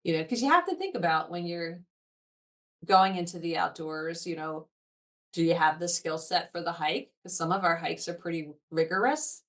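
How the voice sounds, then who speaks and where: A woman's voice: on the low side, expressive, moderate pace, fairly bright tone. A woman chatting about outdoor trips in a digressive, conversational way. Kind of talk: casual conversation. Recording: voice slightly distant from mic.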